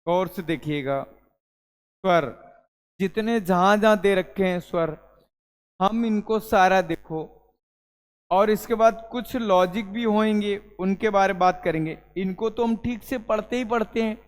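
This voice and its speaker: A man's voice: high-pitched, clean tone, in a large hall. A male English teacher gives a classroom lesson, calling students "beta" and answering his own questions.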